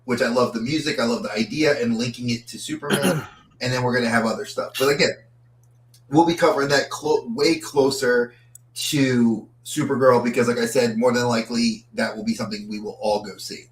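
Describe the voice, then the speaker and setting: Talking movies in a relaxed review chat, this podcast co-host tends to repeat words when starting a thought. He speaks briskly in a mid-range voice with fairly even intonation, and the room echoes noticeably.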